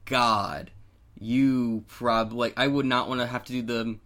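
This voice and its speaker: A man's voice: mid-range voice, little pitch movement, normal speed, fairly bright tone. A young man co-hosting a podcast, chatting casually and rambling with lots of "like" fillers. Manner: rambling, many "like" fillers and restarts. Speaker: podcast co-host. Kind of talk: casual chat.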